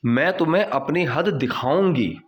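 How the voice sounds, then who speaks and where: A young man, a Hindi speaker, teaching English in a casual spoken lesson, repeating example sentences slowly with lots of fillers. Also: a little high, lively intonation, lo-fi sound.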